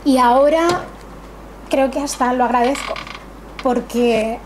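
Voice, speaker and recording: Her voice sits high and her pace is measured as the café's owner and event host welcomes people to a literary gathering. She thanks the audience warmly and conversationally, a little nervous, against the noisy ambience of the small cultural café.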